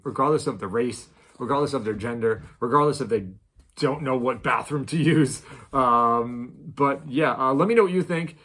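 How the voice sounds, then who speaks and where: A man hosting a weekly show, talking casually to camera, rambling with many ums and restarts and sudden louder bursts on key points. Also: medium pitch. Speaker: show host.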